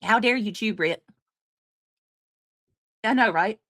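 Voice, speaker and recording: A woman's voice: mid-range voice, slow pace, a bit bright, dry recording. Woman, 40s, livestream host, chatty and teasing, dry close mic. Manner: chatty, teasing, chewing while talking. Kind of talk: casual livestream chat reading comments.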